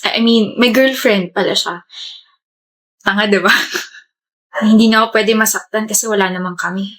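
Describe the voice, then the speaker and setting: A woman's voice: medium pitch, fairly even intonation, normal speed, a bit bright. A woman acting out scripted POV comedy skits, switching between playful characters. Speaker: comedy skit creator.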